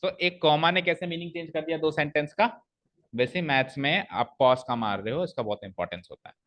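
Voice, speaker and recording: A male maths teacher explains a problem step by step to his class, asks them questions and reads expressions aloud slowly, stressing the pauses. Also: on the high side, fairly bright tone.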